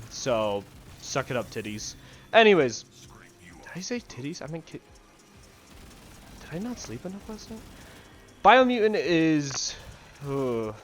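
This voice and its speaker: A young adult man rants casually to camera about games he dislikes, profane, rambling and sarcastic. His voice is on the high side and a bit bright, recorded on a headset mic in his bedroom.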